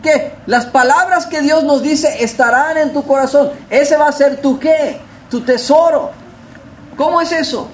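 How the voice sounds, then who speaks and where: A man preaching a sermon, asking rhetorical questions and swinging between loud and soft delivery. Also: very high voice, unhurried, a little hiss or hum, poor audio. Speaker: pastor.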